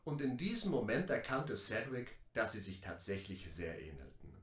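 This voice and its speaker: A man narrating a game story in a lively, expressive storytelling voice. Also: fairly low pitch, normal speed.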